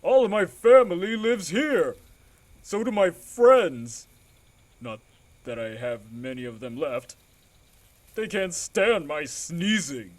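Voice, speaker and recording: A man's voice: high voice, sing-song, takes it slowly, long pauses, heavily acted. A man voicing a timid male gorilla with allergies who apologizes and stammers. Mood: self-pitying. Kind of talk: fan audio drama acting.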